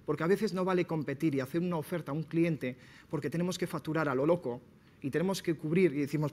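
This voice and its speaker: A man from Spain giving a sales seminar to entrepreneurs, lively and quizzing his audience. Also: a little high. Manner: lively, questions the audience directly. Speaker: speaker at a business talk. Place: seminar room.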